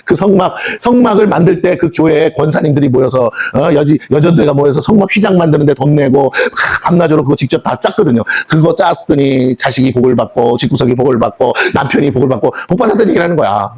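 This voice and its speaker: Husky, fast-talking preacher man. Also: fairly high pitch, lively intonation, a little mellow. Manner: conversational, asks the congregation questions and acts out quoted speech. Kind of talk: sermon at a prayer meeting. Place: prayer house hall.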